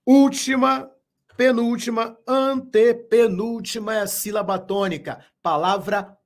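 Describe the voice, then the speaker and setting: A man teaching a live online grammar lesson, speaking slowly and emphatically, repeating key words and asking viewers questions. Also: very high-pitched, fairly even intonation. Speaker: Portuguese teacher.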